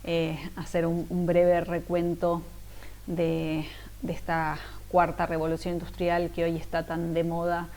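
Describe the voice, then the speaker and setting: A woman's voice: lowish voice, monotone, unhurried, a little mellow, poor audio. An Argentine woman, an industrial designer, giving a conference keynote talk with many fillers and restarts. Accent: Argentine Spanish.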